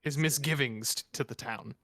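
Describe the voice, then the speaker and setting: A man's voice: mid-range voice, moderate pace, gravelly, bright, forceful tone. A man playing a tabletop game, speaking hesitantly and laughing easily. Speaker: player. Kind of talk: casual tabletop game play.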